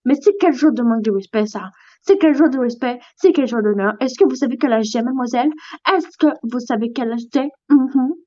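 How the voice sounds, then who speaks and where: A woman's voice: on the high side, a little fast, mellow, dull audio, lightly acted. A woman voicing an ancient, indignant female tortoise in a toy role-play on a livestream. She huffs and demands respect. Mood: outraged, pompous. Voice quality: huffy and pompous, keeps demanding respect.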